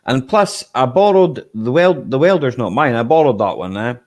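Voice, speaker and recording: A man's voice: mid-range voice, animated, moderate pace, darkish tone. A man in his early forties hosting a casual live chat, rambling and tagging his sentences with "right?" and "eh?", laughing often. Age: 40s. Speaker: live-stream host.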